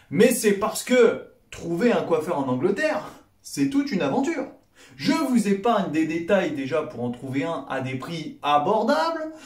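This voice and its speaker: Animated young Frenchman in an echoey room. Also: sits high. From France. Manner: sarcastic, animated, acts out dialogue. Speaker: comedy vlogger. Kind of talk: comedic storytelling monologue.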